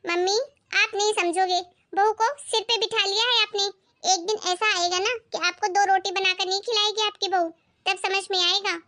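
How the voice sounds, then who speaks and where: A woman voicing a jealous grown daughter in an animated family skit, talking in a sharp, complaining way. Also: very high-pitched, normal speed. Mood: bitter.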